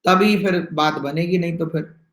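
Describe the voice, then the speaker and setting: Lively high-voiced Hindi-accented teacher. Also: male voice, moderate pace, echoey room. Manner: lively, teasing explanations with acted-out dialogue. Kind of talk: online exam-prep class.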